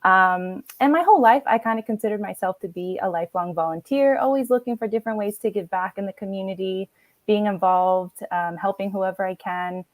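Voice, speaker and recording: A woman in her thirties, a nonprofit program director from the Philippines who was raised in Florida, tells her story in a casual video-call interview. She's friendly and upbeat, with frequent ums, and her mid-range voice runs a little fast. There's no room sound.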